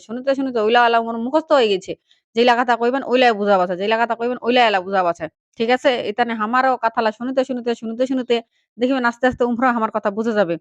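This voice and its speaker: A woman's voice: fairly high pitch, no echo, highs cut off. A woman vlogger with a Panchagarh regional Bengali accent, chatting directly to her viewers in a casual, friendly way. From Panchagarh, northern Bangladesh.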